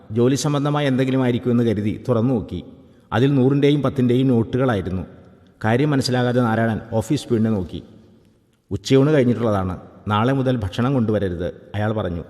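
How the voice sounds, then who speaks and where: Guy calmly reading a story out loud, mid-pitched voice, kinda echoey long reverb. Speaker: narrator. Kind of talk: scripted story narration.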